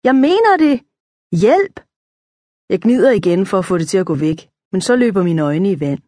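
Kvinde der læser børnebog op, tørt optaget. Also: female voice, lowish voice, no room sound. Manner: lively, lifts her voice for the girls' dialogue. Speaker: audiobook narrator. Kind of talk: first-person children's story reading.

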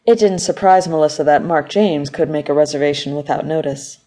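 Woman audiobook reader, low warm tone, steady measured delivery. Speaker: audiobook narrator. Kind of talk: scripted narration.

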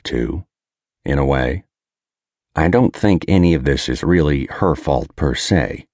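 Deep slow bitter male audiobook narrator. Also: darkish tone, no room sound, clean studio sound. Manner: bitter, world-weary confession. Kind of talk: first-person audiobook narration.

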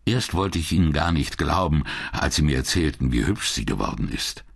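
A man's voice: extremely low pitch, sing-song, normal speed, gravelly, slightly rough, full character voice. A man doing a smug, leering crook. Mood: amused. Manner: drawling, amused. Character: smug middle-aged male crook, sly and leering.

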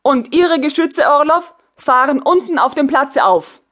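A woman's voice: high-pitched, lively intonation, a little slow, fairly bright tone, pitched above the performer's own voice. A woman voicing a proud, cold Russian empress who gives stern commands. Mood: commanding.

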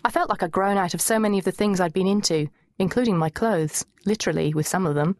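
A woman narrating a first-person teen novel with a lively, wry storytelling manner. Her voice sits at a middle pitch. The studio sound is dry and close, with no room around it. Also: fast, no echo. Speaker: audiobook narrator.

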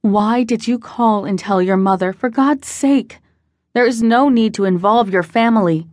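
A woman's voice: mid-range voice, measured pace, a little mellow, no echo, lightly acted. Woman voicing a mother, tearful, pleading, frightened, dry close audio. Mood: upset.

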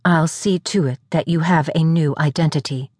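A woman narrator voicing a calm, commanding female security director who speaks in a measured way. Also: low voice, no room sound, studio quality.

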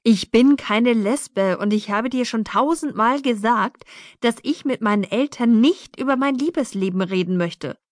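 A woman's voice: fairly high pitch, a little slow, no echo, studio quality, lightly acted. A woman voicing an embarrassed young woman who pleads with her mother in an audiobook. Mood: exasperated. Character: exasperated young woman, a student.

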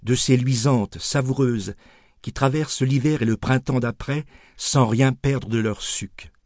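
A man narrating an audiobook in an expressive storytelling manner. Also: medium pitch, unhurried, no room sound, studio quality. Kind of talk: scripted narration.

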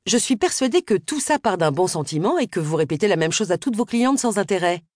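Narratrice qui joue une femme piquante et sèche, voix haute et animée, livre audio. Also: female voice, mid-range voice, lively intonation, fast, a little mellow, dry recording, studio quality, voice pushed up, close to an everyday voice. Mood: tart. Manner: curt, tart. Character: sharp-tongued retired woman, prickly and proud.

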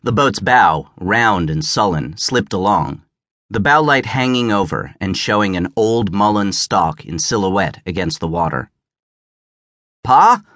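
A man narrating an audiobook as scripted narration, measured and even, on a close studio mic. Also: sits low, no echo.

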